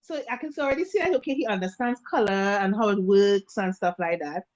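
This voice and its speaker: A woman's voice: mid-range voice, brisk, highs cut off. A woman in her thirties with a Trinidadian accent, a painter chatting casually on a video call and acting out little quotes as she tells stories. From Trinidad and Tobago. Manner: animated storytelling, acts out quotes. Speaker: guest face and body painter. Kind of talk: casual interview chat over video call.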